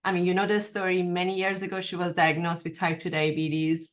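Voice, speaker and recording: A woman from Iran, a nurse and health coach talking as a podcast guest, earnest and quick to laugh. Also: lowish voice, little pitch movement. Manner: warm, laughs easily, earnest. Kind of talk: podcast interview.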